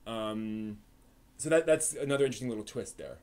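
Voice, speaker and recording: Somewhat low and a bit quick, the man's voice carries a darkish tone. As host of an anime stream, he answers chat in a casual, rambling way, restarting often and leaning on fillers.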